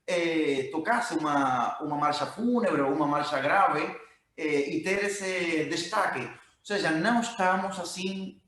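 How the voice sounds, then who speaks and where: A man from Cuba with a Cuban Spanish accent, a native Spanish speaker mixing Portuguese and Spanish haltingly as he gives an informal talk. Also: a little high, a bit bright. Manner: halting, searching for words. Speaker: project musician speaking at a talk. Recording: very echoey room.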